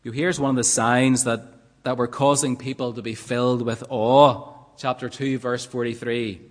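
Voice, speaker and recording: A man's voice: mid-range voice, flat delivery, normal speed. A man preaching a sermon in an earnest, emphatic way, often asking rhetorical questions. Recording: long reverb of a large hall.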